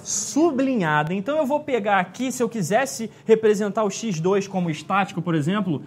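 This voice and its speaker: A man teaching a live exam-prep class, chatty and jokey, often checking in with his students. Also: sits high.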